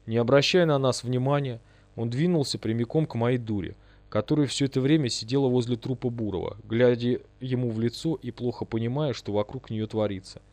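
A man's voice: medium pitch, fairly quick, darkish tone, no echo. A man narrates a first-person audiobook with a vivid, dramatic delivery. His voice sits in a middle register. The recording is dry with no room sound.

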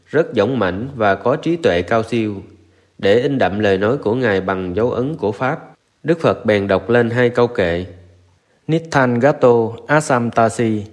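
A man reading a Buddhist scripture aloud in a steady, measured recitation, with Pali verses woven in. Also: mid-range voice. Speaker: narrator.

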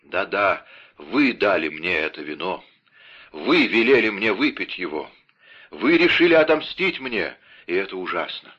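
A man's voice: low voice, sing-song, measured pace, bright, forceful tone, husky, exaggerated voice. A man reading the part of a poisoned soldier in an audiobook, crying out in anguish and accusation. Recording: dull lo-fi audio.

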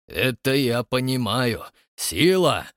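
A gruff old fellow drawling his words slowly and plainly, as a male narrator puts him on. He is homespun and unhurried, a storybook character heard through a close, dry mic. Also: mid-range voice, sing-song, a bit bright, no echo. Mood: folksy. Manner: slow drawling folksy speech.

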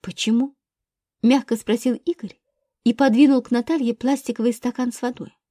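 A woman narrates an audiobook with even, steady delivery. Her voice sits somewhat high but sounds mellow and dark. The recording is close and dry. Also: fairly quick, dry recording. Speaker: audiobook reader.

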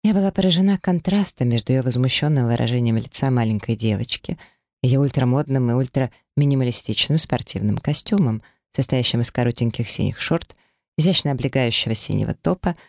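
Expressive, ironic audiobook narrator, middle pitch, dry close mic. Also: no room sound. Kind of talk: first-person audiobook narration.

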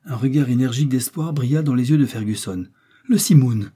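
A man narrating a classic adventure novel as an audiobook, telling it with steady drama. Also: medium pitch, quick pace, husky. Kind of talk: scripted narration.

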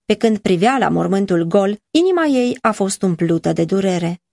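Female audiobook narrator, mid-pitch, measured and earnest, dry close-mic studio sound. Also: lively intonation, creaky, a little mellow, no echo.

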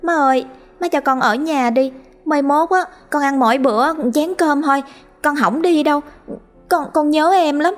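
A woman's voice: sits high, normal speed, faint music behind, voice pushed up, lightly acted. A woman with a Southern Vietnamese accent voicing a frightened young girl who pleads through tears with her mother. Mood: tearful pleading. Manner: tearful and pleading.

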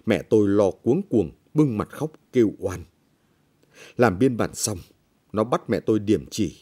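A male storyteller reads a short story in a measured, grave tone. His voice is low and mellow-dark, with a husky texture. He keeps a steady, serious delivery throughout. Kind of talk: scripted narration of a short story.

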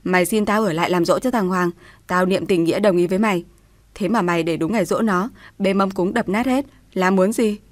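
A woman's voice: mid-range voice, fast talker, dry recording, close to an everyday voice. A woman voicing a cruel older mother-in-law, scolding in a harsh, cutting way. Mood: furious scolding.

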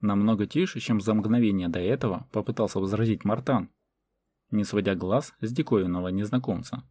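A man reading a fantasy novel as audiobook narration in a measured way. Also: on the low side, dark tone. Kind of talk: scripted narration.

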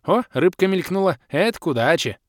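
A cheerful old creature voiced by a man speaks in a raised, lively, folksy voice, full of sayings and omens. His lines swing up and down in a dry, close recording for an audiobook. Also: sits high, brisk, no echo, voice pushed up. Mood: excited. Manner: folksy, rhyming, superstitious. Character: old male lokhr creature, cheerful, cryptic.

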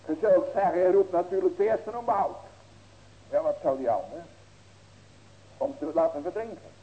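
Older male pastor in his sixties: mellow, fairly high voice, folksy sermon full of rhetorical questions, swells to ringing emphasis. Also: animated, moderate pace, dull audio. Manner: earnest, building to emphatic ringing cries.

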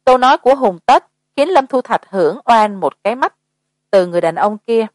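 A woman narrates a horror audiobook in an even, measured voice. Her pitch sits at an ordinary height. The recording is dry and close, with no room sound. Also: no echo. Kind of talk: scripted narration.

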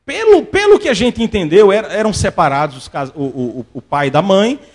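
A male pastor, preaching a sermon and telling stories with lively acted-out voices. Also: high-pitched, brisk. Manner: animated storytelling, acts out quoted voices.

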